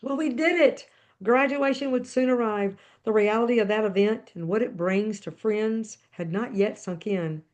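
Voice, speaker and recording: Woman reading a story aloud, measured. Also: mid-range voice, a little mellow. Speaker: podcast host. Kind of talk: reading her book aloud with brief commentary.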